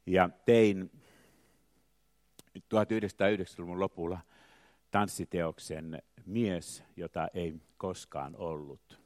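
Deep-voiced older man reciting reflectively. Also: fairly even intonation, no echo, clean studio sound. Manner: slow, measured, poetic delivery with swelling emphasis and trailing quiet endings. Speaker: artist, choreographer. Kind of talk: reflective spoken essay with recited poetry.

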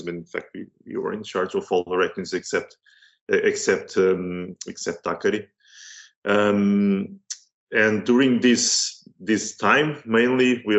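Gravelly low-voiced Portuguese-accented man. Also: muffled recording. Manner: hesitant, many restarts and fillers. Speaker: museum curator and researcher. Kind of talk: online course interview.

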